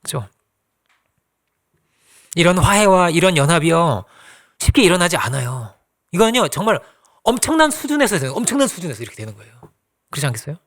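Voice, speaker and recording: Lively fast-talking male pastor. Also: on the high side. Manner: conversational preaching, acting out quoted lines with soft asides and laughs. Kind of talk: sermon.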